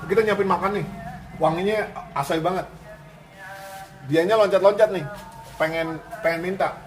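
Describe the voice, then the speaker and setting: Firm high-voiced man coaching dog owners. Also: normal speed. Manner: firm, explanatory, mixes English commands. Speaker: dog behavior trainer. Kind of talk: casual instructive coaching. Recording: roomy, distant mic, music behind.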